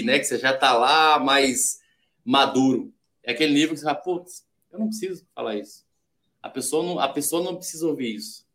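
A man's voice: mid-range voice, fairly bright tone. A man from Brazil, a podcast guest in casual chat, explaining ideas step by step and acting out little quoted examples. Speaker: podcast guest, sales development rep.

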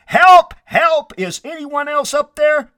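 Frantic man dangling off a cliff, done by a preacher, loud high pleading, slow. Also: huge pitch swings, husky, no echo, clean studio sound, exaggerated voice. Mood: panicked yelling. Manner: yelling, panicked pleading.

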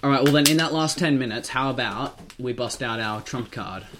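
Young guy hosting a messy podcast, swears and teases, mid pitch, noisy background hiss. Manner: swearing, teasing, quick to laugh. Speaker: podcast host. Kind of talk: casual chat. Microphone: shared studio mic.

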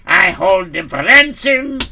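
A man voicing a boastful, pompous male landowner who bellows and groans loudly. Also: sits high, sing-song, slow, very noisy, heavily acted. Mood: gloating.

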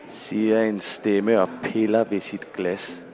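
A man narrating a radio drama, reading stage directions in a flat, repetitive way. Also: fairly low pitch.

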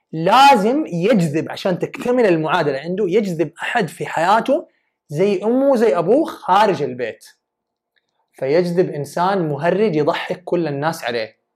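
A woman's voice: on the low side, darkish tone. A woman giving an earnest, emphatic self-development talk. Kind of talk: motivational talk.

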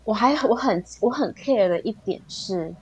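A woman's voice: mid-range voice, normal speed, breathy edge, low-quality recording. A woman with a Taiwanese Mandarin accent, a podcast guest telling an emotional personal story in casual chat, animating it by acting out what people said. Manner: animated storytelling, acts out quoted dialogue. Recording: faint background noise.

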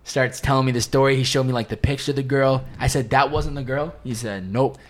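A man on a podcast, a rideshare driver telling an anecdote in a relaxed way and acting out what people said. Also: medium pitch, a little fast, very noisy. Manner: animated storyteller who acts out quotes. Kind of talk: casual storytelling chat.

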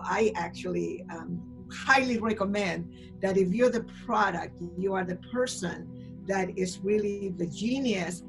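A woman's voice: medium pitch, low-quality recording. Older Chilean woman, enthusiastic, over music. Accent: Chilean Spanish. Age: 60s. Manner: enthusiastic, storytelling, many fillers. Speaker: guest. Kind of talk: interview answers.

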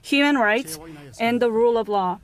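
A live interpreter voice giving a defense minister's remarks in formal, steady official phrasing at a press conference. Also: medium pitch, moderate pace. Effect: live interpreter voice relayed from a press conference.

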